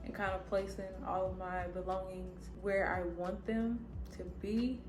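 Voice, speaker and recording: Woman, slight lisp from retainers, casual vlog chat, echoey apartment room, medium pitch. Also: steady tone, a little slow. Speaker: vlogger. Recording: roomy echo, music behind.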